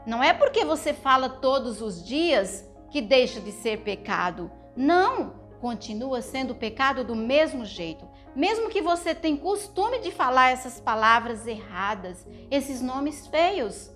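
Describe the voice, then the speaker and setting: High-voiced lady, slow gentle storytelling for kids, keeps asking them questions. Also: animated, soft background music. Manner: speaks to children with frequent questions; gentle, teaching tone. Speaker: children's storyteller.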